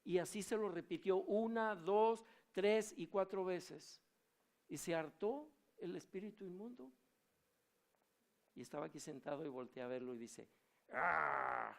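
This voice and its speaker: A man's voice: high-pitched, normal speed. A man preaching a sermon, telling stories and asking the congregation questions. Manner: animated, storytelling, asks the congregation questions. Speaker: pastor.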